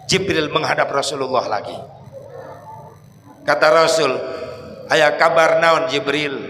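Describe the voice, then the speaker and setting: A man with a Sundanese accent preaching a lively story sermon in a mosque, dramatic and emphatic, rising to shouts at the high points. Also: gravelly, roomy sound, in a large hall, a little hiss or hum.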